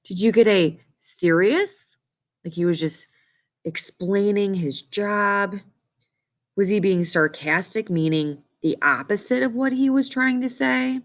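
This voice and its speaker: A woman's voice: medium pitch, slow pace. A woman teacher giving an instructional reading lesson to children, explaining step by step and often checking that they follow. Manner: checks understanding often with okay and questions.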